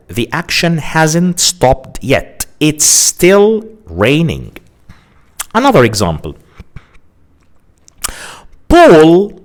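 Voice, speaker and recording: A man explains English grammar at an unhurried pace, leaning on each key word. His pitch rises and falls in a lively way as he teaches. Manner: slow, deliberate, spells out words and stresses key forms. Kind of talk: grammar lesson.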